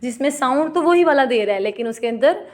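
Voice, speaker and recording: In this classroom lecture, a woman with a high, animated voice reads out definitions slowly and explains the terms in Hindi-Urdu. She addresses the students as "beta."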